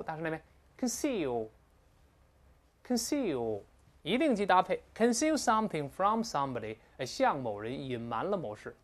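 A man teaching English vocabulary in a lecture, speaking with animated interjections and slow, drawn-out pronunciation drills. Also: on the high side.

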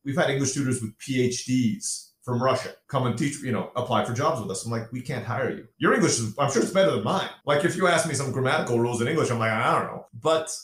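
A quick, talkative American man in his forties, rattling through his points in an easy chatty flow. His voice sits mid-range and carries a noticeably roomy echo, as if recorded in a bare room. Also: medium pitch, fairly bright tone. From United States. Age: 40s. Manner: quick, chatty, peppers talk with "right?" and "you know". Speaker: podcast guest, language school founder. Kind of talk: casual interview talk.

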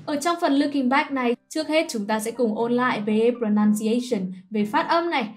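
A woman teacher explaining a lesson patiently and clearly, often checking in with questions to her students. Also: on the high side, normal speed, music in the background. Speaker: English teacher.

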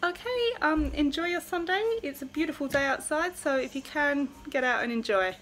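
A woman in her thirties talks casually to her phone at arm's length, walking through her week's meals from her home kitchen. Her voice is bright and sits a little high. She keeps a friendly, chatty flow with plenty of ums. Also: lively intonation, moderate pace, low-quality recording. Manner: chatty, friendly, lots of fillers. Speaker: home cooking vlogger. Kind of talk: casual chat to camera. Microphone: phone held at arm's length.

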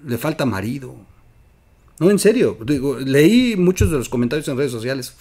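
A man with a Mexican accent hosting a political commentary show, emphatic, with loud outbursts and quiet asides. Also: a little high, very animated, a little fast. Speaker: news commentary host.

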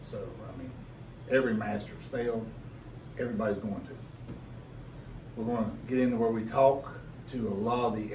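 A folksy man with an Appalachian accent from West Virginia co-hosts a casual podcast. He rambles along at a middling pitch. The mic is distant, with room echo and faint noise behind him. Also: a little mellow. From West Virginia, United States. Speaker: podcast co-host. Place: echoey room, away from the mic.

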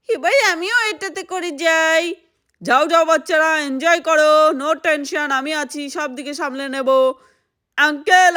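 A woman telling a lively doll play story and voicing all the dolls. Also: sits high. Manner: lively, plays every doll's voice.

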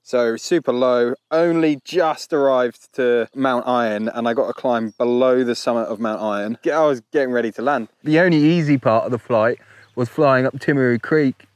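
The thirty-something paragliding vlogger speaks in a mid-range, clean-toned voice at normal speed with no room sound, commenting casually in first person. He's outdoors on an action camera, in flight and in an open field, and wind and outdoor noise come through.

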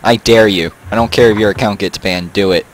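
This teen boy's casual gameplay chat is goofy and teasing, full of laughter, recorded as he plays. The audio is poor with a little hiss or hum, and his lowish voice stays steady and brisk.

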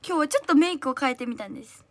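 A young woman with a slightly husky, strained throat, hosting a livestream in a bubbly, cutesy way, reading out and thanking commenters. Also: high-pitched, expressive, rapid-fire. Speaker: idol livestream host.

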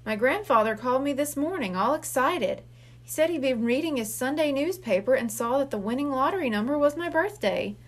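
Worried older boy in a storybook, earnest and unhurried, high light voice, read by a woman. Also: animated. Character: friendly older boy babysitting siblings.

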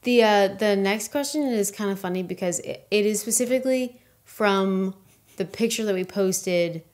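A woman's voice: medium pitch, normal speed, a little mellow. A young woman chatting casually with her partner, answering viewer questions as a new mother and finishing his sentences.

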